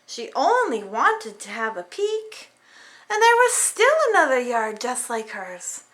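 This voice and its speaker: Telling the story a little slowly, this storybook reader brings big drama to a picture book for small children. She has a bright, high voice with large pitch swings, performing expressively for the youngest audience.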